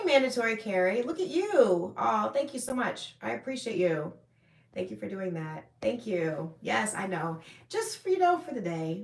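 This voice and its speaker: A woman's voice: on the low side, vocal fry, echoey room. A woman hosting a casual livestream, chatting with viewers in a friendly, rambling way. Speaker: livestream host. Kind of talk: casual live chat answering viewers.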